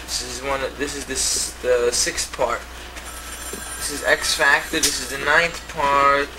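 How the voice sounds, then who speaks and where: A man with a mid-range voice and a flat, unhurried delivery puts on a TV-presenter voice to show off his comic collection. Hiss and distance mark the audio, from an old VHS home video filmed indoors at home with the camcorder mic across the room.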